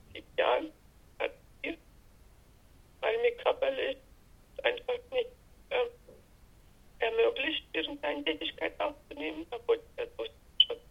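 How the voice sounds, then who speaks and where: A middle-aged woman on speakerphone, her voice choppy and muffled over a phone line, talking in a halting, hesitant way as she searches for words. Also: high voice, creaky. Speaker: caller seeking counsel. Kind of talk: personal consultation call.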